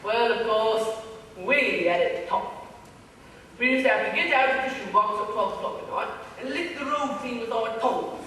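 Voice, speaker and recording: A man's voice: very high voice, normal speed. A man on stage playing an old man who solemnly claims the toughest upbringing of all. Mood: solemn boasting. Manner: solemn, mock-serious bragging. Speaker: amateur stage actor. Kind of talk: stage comedy sketch. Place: hall stage. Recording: echoey hall from far off, with loud noise.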